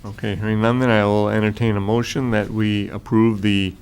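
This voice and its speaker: A man chairing a public board meeting who reads agenda items aloud in a formal, halting way with frequent fillers. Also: lowish voice, flat delivery, a little mellow, slight background noise. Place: meeting room.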